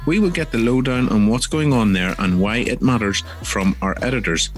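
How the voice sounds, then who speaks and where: A man's voice: mid-range voice, normal speed, faint music behind. A man with a Northern Irish accent, hosting a news podcast as a journalist with scripted introductions and interview questions.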